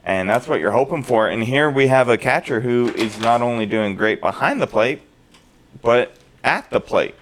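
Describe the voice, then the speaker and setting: A man's voice: mid-range voice, lively intonation, moderate pace, a little hiss or hum. A man co-hosting a podcast in casual sports chat, rambling on and putting questions to his co-host.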